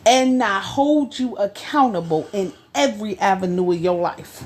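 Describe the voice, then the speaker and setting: A woman co-hosting a podcast discussion, speaking emphatically with a preaching cadence and slow, stressed phrases. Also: mid-range voice, darkish tone. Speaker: podcast co-host.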